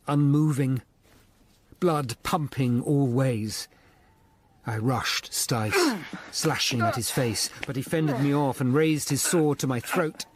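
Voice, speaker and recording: A male actor with a medium-pitched voice plays a grave Tudor lawyer-detective narrating a radio drama in the first person. His delivery is measured and sombre.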